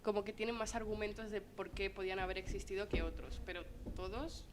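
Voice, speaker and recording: A woman's voice: mid-range voice, fairly even intonation, noisy background. A teenage girl, a student guest on a podcast, chatting casually and agreeably. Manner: agreeable, quick to say yes. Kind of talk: casual chat.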